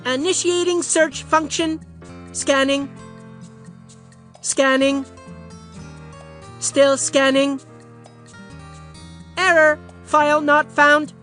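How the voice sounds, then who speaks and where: A robot prince from a children's storybook game, voiced by a woman. He speaks in a stiff, mechanical, computer-like way, pitched high and delivered slowly. Faint music plays behind him. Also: fairly even intonation, pushed and bright, exaggerated voice.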